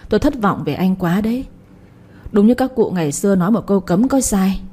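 A woman's voice: mid-range voice, lively intonation, a little fast, warm tone, husky. A woman voicing a bitter scolding old mother. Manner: reproachful, scolding. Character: embittered older mother, possessive and scolding.

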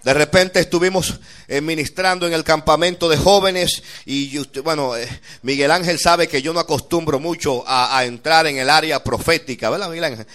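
A man's voice: on the high side, moderate pace, a bit bright. A middle-aged man with a Dominican accent, preaching a fervent sermon as a pastor and often calling his listeners brother. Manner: fervent testimony, often calls listeners "hermano".

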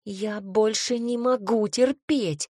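Woman reading a bossy mocking firebird girl, husky lowish voice, dry close sound. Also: fairly even intonation, slow pace, a little mellow, no room sound. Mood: fussing. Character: sharp-tongued young woman turned firebird.

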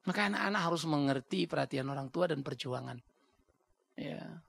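A man's voice: a little high, expressive, moderate pace, creaky, a bit bright, slightly rough. A man preaching a sermon bluntly and with energy, acting out the voices he quotes and dropping English words into his talk. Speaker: pastor.

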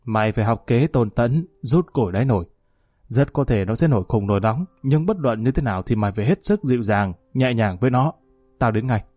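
A man voicing a scheming male gang boss giving gruff commands over the phone in a story reading. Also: mid-range voice, expressive, fairly quick, warm tone, no room sound, clean studio sound, lightly acted. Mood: commanding.

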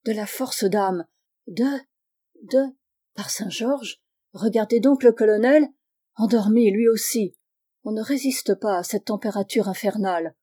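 A woman's voice: medium pitch, mellow, natural voice. Woman voicing a chattering Englishman toasting. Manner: chattering, rambling. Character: excited young Englishman giving a toast.

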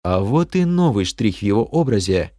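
A man narrating a first-person fantasy audiobook in an expressive storytelling manner. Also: lowish voice, moderate pace, no echo, studio quality.

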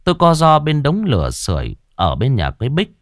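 A man's voice: medium pitch, wildly swooping pitch, brisk, no room sound, studio quality. A man reading a ghost story aloud with a dramatic, suspenseful delivery. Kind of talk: scripted horror narration.

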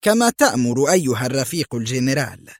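A man's voice: medium pitch, very animated, fast, no room sound, studio quality, natural voice. A man voicing a cruel woman interrogator who talks in a strained, defensive way. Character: cruel female prison interrogator, nervous before superior. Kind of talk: audiobook character voice.

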